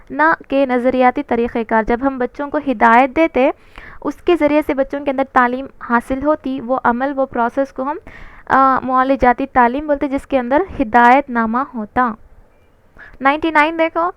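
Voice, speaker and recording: A woman's voice: high voice, dry recording. A woman teaching an exam-prep lesson, asking questions and answering them herself, with English terms mixed in.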